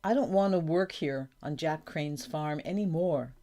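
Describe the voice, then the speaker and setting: A woman reading aloud and voicing a stubborn, weary farmhand father in a storybook, in a firm, flat tone. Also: sits low, a little slow.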